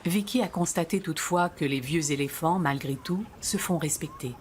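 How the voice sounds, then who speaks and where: A woman's voice: deep voice, moderate pace, a little mellow, a little hiss or hum. A woman reading scripted nature documentary narration. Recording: music behind the voice. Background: background music.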